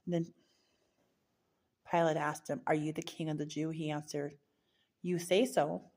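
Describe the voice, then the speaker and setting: A woman's voice: low-pitched, level tone, a little slow, darkish tone. A woman reading a Bible chapter aloud, now and then stumbling and correcting herself mid-word. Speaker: scripture reader.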